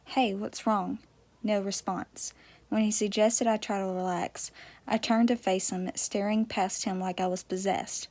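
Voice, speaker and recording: A woman narrating a first-person memoir as an audiobook, in a steady, measured reading. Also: mid-range voice.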